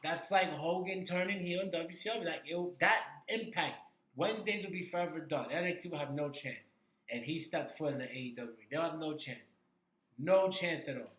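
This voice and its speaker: Animated man talking wrestling in an echoey room. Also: on the high side, moderate pace. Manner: animated, repeats himself for emphasis. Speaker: podcast co-host. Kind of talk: casual wrestling talk.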